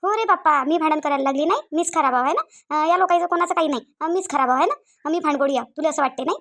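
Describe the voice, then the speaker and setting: A woman's voice: high-pitched, fast talker, fairly bright tone, no room sound. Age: middle-aged. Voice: a woman voicing a sulky Varhadi village mother. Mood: defiant. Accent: Varhadi Marathi. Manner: defiant, repeats herself, sulky. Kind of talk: cartoon voice acting.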